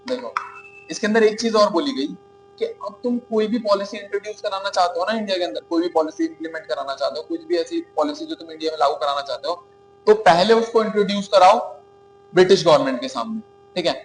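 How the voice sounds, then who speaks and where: A man's voice: high-pitched, quick pace, faint music behind, poor audio. A man with an Indian accent giving a classroom lecture, asking his students questions and answering them himself, often checking in with "okay?". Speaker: teacher.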